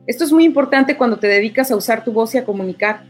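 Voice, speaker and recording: A woman's voice: on the high side, fast, soft background music. A middle-aged woman, a voice-over artist and teacher, talking in an interview and acting out quoted lines in a raised voice. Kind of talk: conversational interview answer.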